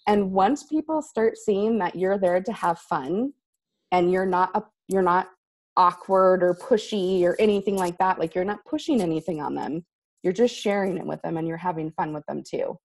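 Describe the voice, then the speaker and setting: A woman's voice: on the low side, moderate pace, a little mellow. A woman on a group video call, chatty and upbeat, often saying "like" as she shares tips. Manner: chatty, says like a lot. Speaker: consultant sharing tips. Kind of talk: casual group call talk.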